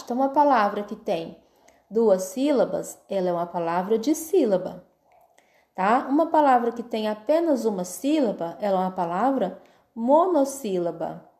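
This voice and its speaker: A woman's voice: fairly high pitch, dark tone, roomy sound. A woman with a Brazilian Portuguese accent teaching a class lesson, explaining patiently step by step and often checking that her pupils follow. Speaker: schoolteacher.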